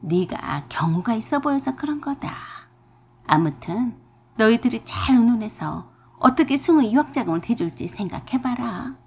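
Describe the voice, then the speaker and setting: A woman's voice: fairly high pitch, lively intonation, moderate pace, a little hiss or hum. A woman voicing a pushy, greedy older mother-in-law who scolds and demands, in a radio drama reading. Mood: scolding. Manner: domineering, scolding, shouting.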